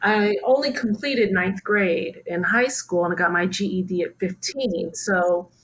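Woman in her late 40s, activist guest, slow careful talker. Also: medium pitch, poor audio. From United States. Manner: thoughtful, measured, with fillers. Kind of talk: interview conversation.

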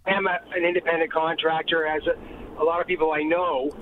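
Caller on car speakerphone while driving: fairly high-pitched man, hesitant and halting. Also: flat delivery. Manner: hesitant, halting, many ums and restarts. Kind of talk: casual phone-in question. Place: inside a moving car. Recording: tinny phone line with loud car noise. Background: vehicle noise.

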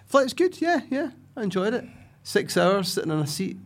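A man with a cold co-hosts a casual podcast in a slightly high, very animated voice. He drops in dry, teasing remarks as banter. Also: normal speed. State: has a cold. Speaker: podcast co-host.

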